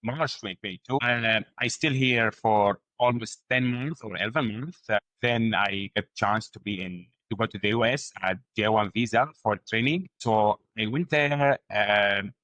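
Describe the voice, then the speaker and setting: Young man from Syria, halting English. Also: on the low side, sharp tone, dry recording, rough recording. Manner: halting non-native English, agreeable, frequent fillers. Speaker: podcast guest. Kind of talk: casual interview chat.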